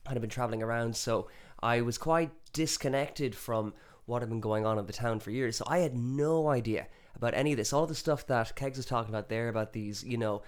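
Man, west of Ireland accent, middling pitch, casual interview chat, enthusiastic storyteller. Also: fairly quick, hardly any pauses. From Galway, west of Ireland. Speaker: interview guest, musician and performance poet.

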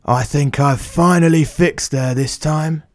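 A man's voice: a little high, measured pace, no echo. A man doing a cheeky plumber, blunt and matey, tossing out slang with a grin in his voice. The sound is bone-dry and close to the mic, like a small studio booth. It is a comic audio story. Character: cheeky working-class male plumber, blunt.

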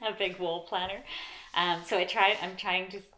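A woman's voice: mid-range voice, steady tone, normal speed, pushed and bright, rough recording. A woman with a Donegal accent from the north-west of Ireland, chatting casually and self-deprecatingly as she tells her stories. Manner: chatty, self-deprecating, often laughs while talking. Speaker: interview guest, mountain runner. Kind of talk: casual chat, telling race stories.

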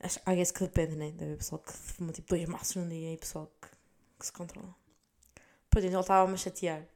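A podcast host, a woman in her twenties with a European Portuguese accent, tells stories in a chatty casual monologue, swearing freely and mixing in English words. Her lowish voice is level, slightly mellow, and fast.

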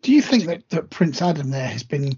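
Man, playful co-host, very husky higher voice. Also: very animated, mellow. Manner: playful, quick to tease. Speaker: podcast co-host. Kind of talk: casual chat. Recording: dull lo-fi sound.

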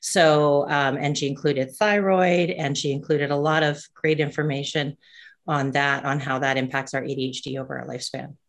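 A woman's voice: sits low, little pitch movement, moderate pace, gravelly. A woman who coaches and hosts a podcast, talking casually with many fillers and restarts. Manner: rambling with frequent fillers and restarts. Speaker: ADHD coach and podcast host. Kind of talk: casual conversational chat.

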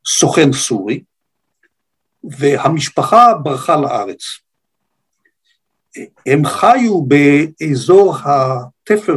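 A guest from Israel, an older man who was raised on a kibbutz, gives an unscripted account of history. His Israeli-accented voice has a medium pitch and a slight huskiness, and he delivers it in deliberate, halting phrases.

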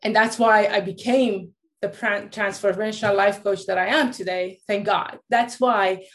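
With a mid-range voice, fairly even intonation and a moderate pace, this guest tells her personal story. She is a woman in her late thirties, originally from Iran, who works as a life coach, and her speech is full of restarts and fillers.

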